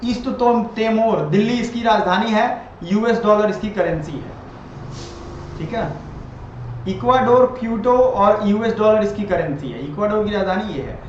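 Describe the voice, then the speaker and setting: A man's voice: sits high, lively intonation, unhurried, a little hiss or hum. A man teaching an exam-prep general knowledge lesson, who repeats each answer and quizzes the viewer. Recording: very echoey, dull lo-fi room audio.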